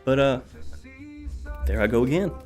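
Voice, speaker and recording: A man hosting a casual talk show alone, energetic and rambling with many fillers, out of breath and coughing. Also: medium pitch, moderate pace, faint music behind.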